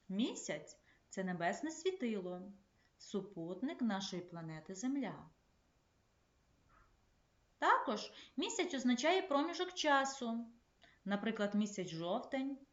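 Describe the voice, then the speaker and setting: Female primary teacher, remote lesson, measured delivery, roomy echo, slightly dull sound. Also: medium pitch. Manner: clear, measured classroom instruction. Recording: echoey, slightly dull room recording.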